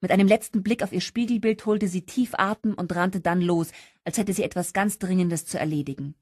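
A woman narrates an audiobook with lively, expressive storytelling. Her voice sits somewhat low, and the recording is close and dry. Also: brisk, no room sound. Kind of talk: scripted narration.

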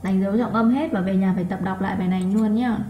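A woman whose first language is Vietnamese, teaching English and going over a workbook test. She reads words slowly with marked stress so students can repeat them. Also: mid-range voice, fairly even intonation, narrow, tinny audio. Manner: drills pronunciation, reading words slowly with stress. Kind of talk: classroom lesson explanation.

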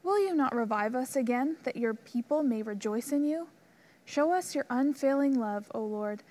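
A young woman reading scripture aloud in a church room, at a measured, even pace. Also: high-pitched. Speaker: scripture reader.

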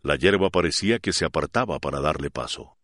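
A man reading a classic novel aloud as an audiobook narrator, in an expressive, dramatic way. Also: rumbling low, brisk, dry recording, studio quality.

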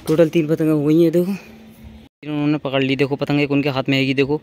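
Faint music plays behind a young vlogger who speaks quickly and monotonously in a slightly mellow, somewhat high voice. Recorded handheld outdoors on open rooftops with lots of noise, he repeats phrases and casually calls his viewers friends.

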